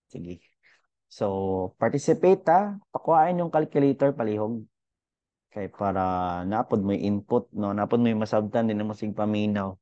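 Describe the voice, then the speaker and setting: A young man gives a casual online physics lesson, his slightly low voice mellow and warm at a normal speed. The audio is dull, recorded dry and close with no room sound, and he chats along, thinking aloud with fillers.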